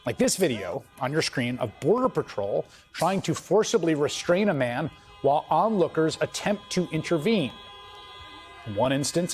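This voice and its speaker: A man anchoring a news broadcast, reading a scripted report with earnest emphasis from a studio. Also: on the high side.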